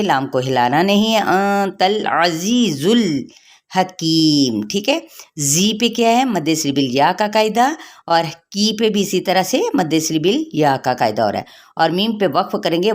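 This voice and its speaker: A woman with an Urdu accent teaching Quran pronunciation rules, reciting words slowly and then explaining each rule. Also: fairly low pitch. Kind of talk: tajweed lesson with slow recitation.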